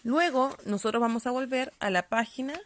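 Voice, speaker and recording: A woman's voice: fairly high pitch, normal speed, no room sound. Patient woman teacher explaining a lesson. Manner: patient, explanatory, frequent check-ins with pupils. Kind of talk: reading-comprehension lesson.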